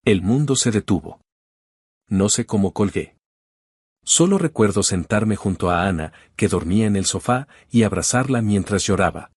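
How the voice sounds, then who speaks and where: A man tells a first-person dramatic story in a steady, measured voice. His tone sits a little low and husky, and the recording is dry and close with no room around it. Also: no room sound.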